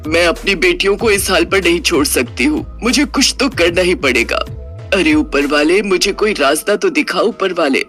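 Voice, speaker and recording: A woman voicing a worried mother who has become a witch spirit, speaking low and fretfully. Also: expressive, moderate pace, a bit bright, faint music behind. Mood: anxious. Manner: low, fretful, scolding muttering. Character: worried widowed mother turned ghostly witch.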